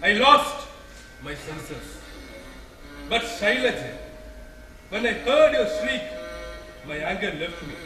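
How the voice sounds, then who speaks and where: A man playing a mighty, hot-tempered male god on stage, declaiming in a commanding, booming way. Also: sing-song, measured pace, long pauses, sharp tone, soft background music, full character voice. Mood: remorseful. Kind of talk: amateur stage drama. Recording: echoey hall, mic from a distance.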